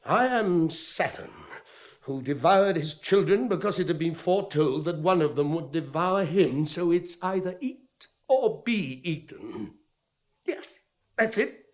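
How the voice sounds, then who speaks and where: An actor playing an anguished middle-aged cavalry captain, tormented and suspicious, in a 1950s radio drama with impassioned, bitter delivery. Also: male voice, on the high side, lively intonation, measured pace. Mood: menacing.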